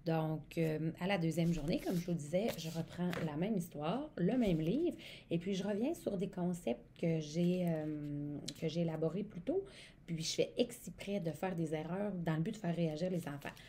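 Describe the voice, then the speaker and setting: A woman's voice: lowish voice, moderate pace, mellow, a little hiss or hum. A woman, an educational support worker giving a demonstration lesson on reading aloud to young children, stretching words as if speaking to them.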